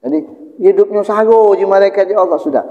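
A man's voice: high voice, brisk. A man with a Palembang Malay accent preaching a weekly sermon in a prayer room, telling stories and acting out the voices in them. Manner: animated storytelling, acts out voices of angels and sinners. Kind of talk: storytelling sermon. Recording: echoey hall, muffled audio.

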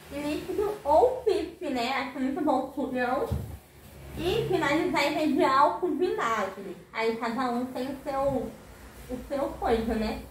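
A chatty Brazilian woman with a Brazilian Portuguese accent cleans her home kitchen while casually talking to viewers, often addressing them and sounding tired. This cleaning vlogger's voice sits high. Recorded indoors by a distant camera across the room, the echoey audio has a little hiss or hum.

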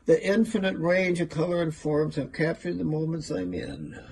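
Man over sixty, soft dark timbre, fairly high pitch, casual delivery. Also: sing-song, moderate pace. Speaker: plant breeder. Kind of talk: casual greeting to camera. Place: indoor plant growing room.

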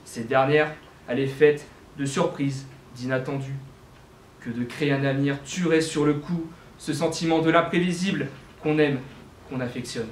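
A man's voice: mid-range voice, steady tone, moderate pace, a little hiss or hum. A young man delivering a student eloquence-contest speech, declaiming with rhetorical questions and small self-corrections. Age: young adult. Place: university lecture hall. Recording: roomy hall with faint ambience.

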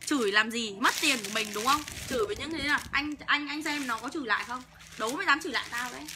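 A fast-talking young clothes seller hosts a livestream, her high voice competing with background noise. She pushes her merchandise bluntly, cursing heavily the whole time.

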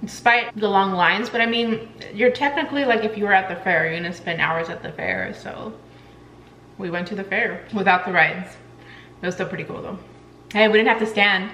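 A woman chatting excitedly in a casual vlog, saying things like "dude" and "like," first in a car and then at home. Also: medium pitch, normal speed, slight background noise. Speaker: vlogger. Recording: roomy with faint background ambience.

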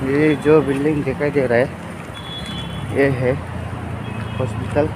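A man's voice: medium pitch, measured pace. A man in his thirties chatting casually to viewers while walking through a city, filming on a phone at arm's length. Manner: relaxed, chatty, tour-guide asides to viewers. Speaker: vlogger. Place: busy city street outdoors, traffic passing. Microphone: phone held at arm's length. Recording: loud street traffic noise behind.

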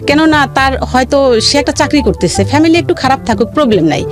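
Over background music, a woman with a Bangladeshi accent, originally from rural Bangladesh, recounts her life on the radio. She talks briskly and animatedly in a high-pitched voice, driving points home by repeating phrases.

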